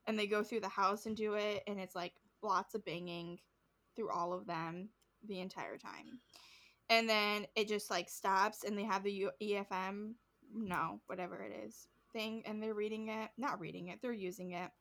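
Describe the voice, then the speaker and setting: A woman's voice: mid-range voice, moderate pace. A woman co-hosting a podcast, casually recapping a show and acting out the people in it, swearing freely. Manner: animated, acts out quotes, swears casually. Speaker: podcast co-host.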